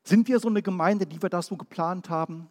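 In a large hall, a pastor from Berlin speaks fairly quickly through a Pentecostal sermon, hurling rhetorical questions and then going quiet and low.

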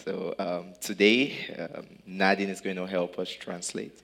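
A man from Nigeria preaching a sermon in English in short phrases, pausing so an interpreter can translate. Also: deep voice, little pitch movement, gravelly, a bit bright. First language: not German.

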